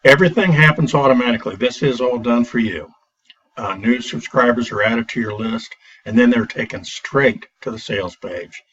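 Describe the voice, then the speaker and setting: A man gives a casual product review in a medium-pitched, slightly bright voice at a moderate pace, hesitating with frequent "uh" fillers and restarts. It's recorded through a built-in laptop microphone, sounding dull, lo-fi and distant.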